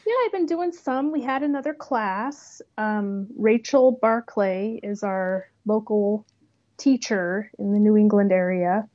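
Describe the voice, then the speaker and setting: A woman's voice: medium pitch, measured pace, warm tone, dry recording, lo-fi sound. A woman chatting casually about her hobby, rambling a little and often trailing off with "so". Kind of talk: casual chat.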